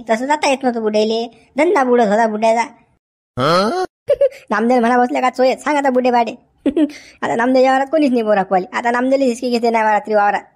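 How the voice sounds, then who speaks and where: A man playing a bickering Varhadi farmhand. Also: very high voice. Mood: gossipy. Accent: Varhadi Marathi. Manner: rustic, quarrelsome banter. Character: bickering sleepy village farmhand, male. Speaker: comedy sketch actor. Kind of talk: village comedy sketch. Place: outdoors in a village field.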